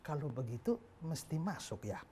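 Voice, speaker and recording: A man's voice: on the high side, animated, moderate pace, dark tone, slight background noise. A male pastor preaching a sermon in a humorous storytelling manner.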